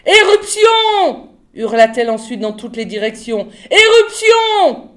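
A woman reading aloud voices a brisk young woman prospector on a volcano, in a storybook reading. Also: fairly high pitch, darkish tone, natural voice. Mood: alarm shouts.

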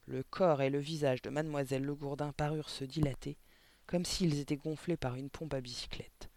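A man narrating a children's novel aloud with clear, expressive reading. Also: fairly high pitch, brisk, no echo. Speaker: audiobook reader. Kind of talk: storybook narration.

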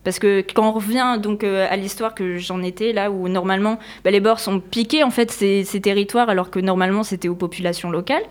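A woman's voice: mid-range voice, steady tone, brisk, few pauses. A woman presenting a history segment in a casual, explanatory way, with frequent hesitations. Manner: chatty, explanatory, many hesitations.

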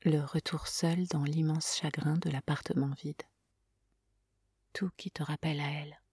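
A woman giving a soft, hushed, breathy whispered reading of a literary text, close to the mic. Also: sits low, fairly even intonation, normal speed, dry recording. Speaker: reader.

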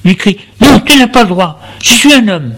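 Man putting on a raised, strained young son's voice, defiant, hurt, yelling, higher and louder than the narration. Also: lively intonation, normal speed. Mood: pleading. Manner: shouting back in defiance. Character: rebellious young adult son, angry and hurt.

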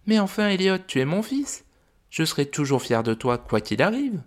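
A man voicing a gentle, caring mother dragon in a children's audio story, soft and reassuring. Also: fairly high pitch, very animated, moderate pace, pitched above the performer's own voice. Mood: tender.

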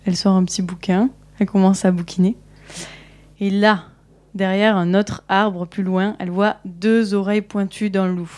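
A woman's voice: mid-range voice, little pitch movement, moderate pace, a little mellow. A woman telling a story on live radio, hesitant with many fillers.

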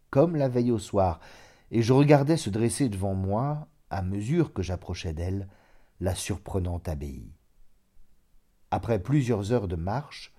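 A man reading a literary story aloud in a measured, dramatic narration. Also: fairly low pitch, warm tone. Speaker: audiobook narrator.

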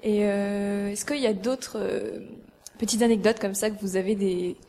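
Flat, mellow-voiced woman interviewer. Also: medium pitch, moderate pace, slight background noise. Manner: hesitant, lots of fillers. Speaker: student radio interviewer. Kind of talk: live school radio interview.

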